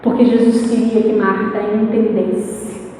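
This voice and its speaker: A middle-aged Brazilian woman preaches a lively sermon in a high voice, firing questions at the congregation and slipping into voices. She sounds far from the mic, with a long echo from a big hall and faint background noise. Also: measured pace. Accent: Brazilian Portuguese. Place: church hall.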